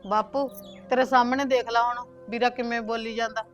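A woman's voice: fairly high pitch, little pitch movement, brisk, highs cut off, soft background music, natural voice. A woman playing a hurt, stubborn married daughter who complains to her father. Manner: complaining and reproachful. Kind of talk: short film acting.

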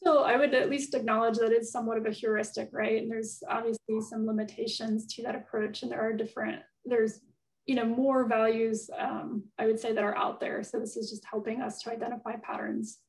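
A woman's voice: a little high, little pitch movement, brisk, gravelly, distant mic, rough recording. A woman speaking as a guest expert, answering audience questions in a thoughtful, hedging way with many fillers, over a video call. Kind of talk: conversational Q&A answers.

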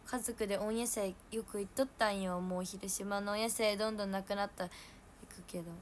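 A young woman with a Hiroshima dialect, hosting a casual livestream and chatting with viewers from home. She laughs at herself and gets loud when she acts out what people said. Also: medium pitch, fairly even intonation, brisk, a little hiss or hum. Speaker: idol livestream host.

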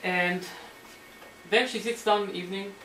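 A man lecturing on history as a story, animated and sometimes searching for words, acting out the quotes. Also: high voice, normal speed, faint music behind. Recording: roomy hall, mic at a distance, faint noise.

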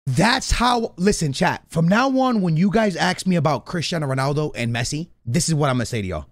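Speaking fairly quickly and expressively in a fairly high voice, this thirty-something streamer bantalks through casual, slangy reactions and repeats things for emphasis. He sits in a small indoor streaming room at a close boom-arm studio microphone, with no room sound.

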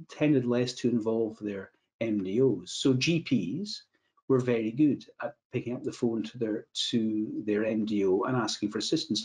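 Middle-aged Scottish male adviser, measured webinar talk over video call, restarts phrases. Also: mid-range voice, a little mellow. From Scotland. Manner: measured, repeats words when restarting phrases. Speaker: medico-legal adviser. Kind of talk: webinar presentation. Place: indoor room, video call.

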